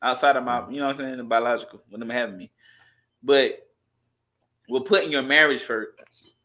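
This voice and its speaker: A man with a bright, forceful voice speaks earnestly as a podcast co-host, stopping to find his words. His voice sits at an ordinary pitch. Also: moderate pace. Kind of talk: casual podcast chat.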